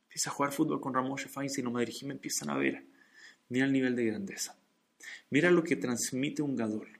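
A man's voice: mid-range voice, a little fast, gravelly. A man teaching a Torah lesson, telling a story and acting out its dialogue with animation.

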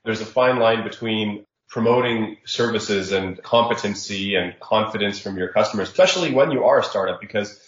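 A man who was born in Saudi Arabia, giving reflective, measured interview answers as a startup founder. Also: on the low side. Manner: reflective, measured, sprinkles religious phrases. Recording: roomy, dull lo-fi audio.

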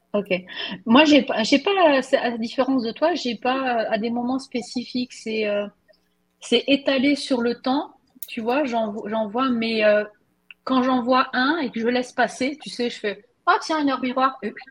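A woman with a French accent hosts a relaxed chat, wandering through her thoughts with many "euh"s and little laughs. Her voice is fairly high and a little husky. She is on a video call. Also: normal speed. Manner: rambling, hesitant, often laughing. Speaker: podcast host, tarot reader. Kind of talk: casual group chat.

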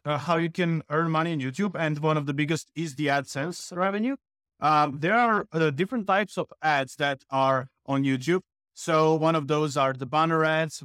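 A man's voice: on the high side, fairly bright tone, clear, resonant tone, no room sound, clean studio sound. A man from Serbia, a guest explaining at length with frequent fillers. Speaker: guest YouTuber.

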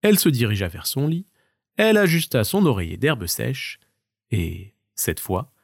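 A man reading a children's bedtime story in a gentle, measured way, with a lively voice that rises and falls freely. The sound is close and completely dry, with no room echo. His pitch sits in the middle. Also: vocal fry.

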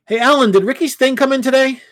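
A man's voice: very high voice, fast talker, a bit bright, no echo, clean studio sound, pitched above the performer's own voice. A man doing an offhand young desk clerk.

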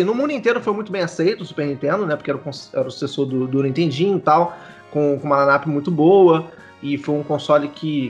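A man with a Brazilian Portuguese accent chatting casually as a podcast guest. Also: a little high. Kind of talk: casual chat.

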